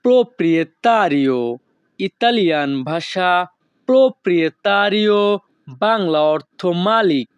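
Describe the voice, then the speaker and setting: A man teaching vocabulary in a slow, repetitive drill, saying each word and then its meaning. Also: high-pitched, animated, clean tone, no echo, highs cut off. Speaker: language teacher.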